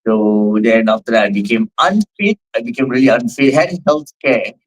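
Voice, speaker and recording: On a rough recording, a man in his 40s with a Singaporean accent, a fitness trainer and gym owner appearing as a guest, speaks at medium pitch and normal speed. He meanders through his interview answers, filling them with verbal fillers.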